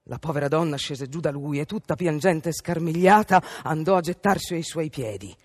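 A woman narrating a fairy tale on the radio in an expressive, dramatic way. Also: sits low, moderate pace, husky, no echo, clean studio sound. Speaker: storyteller.

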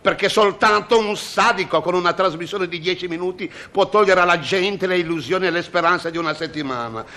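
A man's voice: high-pitched, a little fast, sharp tone. A man playing a touchy, sarcastic television cameraman in a vintage comic sketch, grumbling and arguing back at his boss. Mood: indignant. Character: touchy, sarcastic male TV cameraman, stubborn and quarrelsome.

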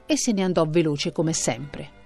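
A woman's voice: low voice, unhurried, darkish tone. Woman reading a children's story over music.

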